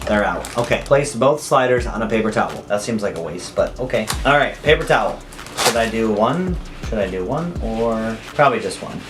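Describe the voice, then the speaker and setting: A man's voice: fairly low pitch, expressive, normal speed, over loud music. A man hosting a casual food review, talking informally to camera and often asking himself questions as he goes. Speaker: host of a food review video. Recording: clearly noisy home recording.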